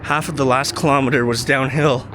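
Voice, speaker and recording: A man talking casually to camera while out running, in short halting phrases. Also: mid-range voice, steady tone. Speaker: running vlogger. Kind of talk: casual vlog talk to camera. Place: outdoors on a running route. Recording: outdoor street noise, passing cars. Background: traffic and outdoor ambience.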